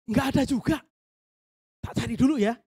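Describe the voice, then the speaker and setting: A man leading a Sunday school lesson, talking to the children in a lively, coaxing way and telling a Bible story. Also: very high voice, moderate pace, breathy edge. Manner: animated, coaxing, talks straight to the children.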